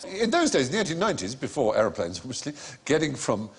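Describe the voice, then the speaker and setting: Lively man hosting a quiz show. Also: medium pitch, fast talker, creaky. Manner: genial, lively storytelling explanations. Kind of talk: comedy panel show hosting. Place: studio with live audience.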